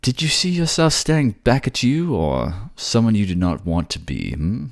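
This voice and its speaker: A man voices a suave, manipulative ruler of the water-folk in an intimate fantasy ASMR audio drama, soothingly coaxing his captive with tender teasing. His voice is on the low side and gravelly, sing-song at a moderate pace, recorded with studio quality, no room sound and the level pushed up.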